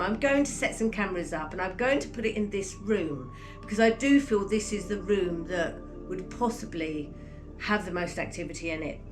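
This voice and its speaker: Lady vlogging, chatty and easygoing, lowish voice, faint music under it. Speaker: vlog host and chateau owner. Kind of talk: casual vlog talk to camera.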